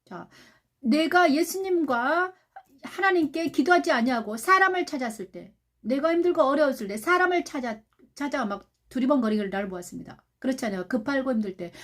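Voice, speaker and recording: Lady pastor preaching, high voice, repeats herself a lot, rhetorical questions, goes soft then loud. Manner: shifts from soft to loud delivery. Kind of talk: sermon.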